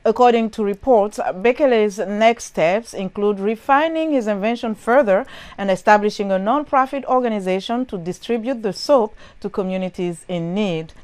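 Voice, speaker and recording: A woman presenting a news health program, clear and steady. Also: mid-range voice, normal speed. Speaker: news host.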